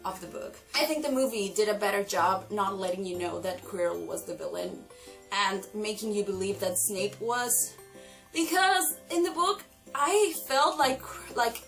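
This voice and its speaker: A young woman chatting excitedly about books she has read, gushing over her favourites in a casual vlog. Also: medium pitch. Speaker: book vlogger. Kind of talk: casual book review vlog. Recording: distant mic with faint background music.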